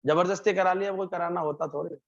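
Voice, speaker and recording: This man's voice sits high and stays steady, moving fast with some vocal fry. He is a satsang preacher telling a parable in a devotional sermon, voicing the characters and repeating phrases to drive points home. The audio sounds muffled and lo-fi.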